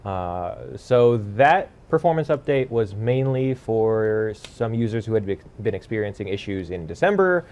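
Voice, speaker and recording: A man's voice: lowish voice, moderate pace, few pauses. Laid-back male stream host. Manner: relaxed, joking, explains updates plainly. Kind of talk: casual livestream chat. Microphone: stage mic.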